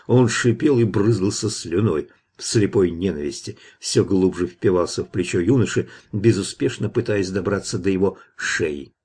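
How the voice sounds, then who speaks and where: A man reading a dark fantasy audiobook in measured, dramatic scripted narration. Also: sits low, husky.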